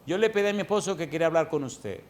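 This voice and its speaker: A tearful middle-aged churchwoman, as a pastor quotes her in a sermon story, confessing her past in halting, hesitant words. The voice stays low, close to the preacher's own. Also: close to an everyday voice.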